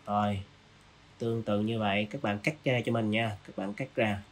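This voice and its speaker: A man hosting a design software tutorial, casually walking through each step with lots of fillers. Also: fairly low pitch, steady tone, moderate pace, a little hiss or hum. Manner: casual, walks through steps with many fillers. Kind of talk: screen-recorded software tutorial.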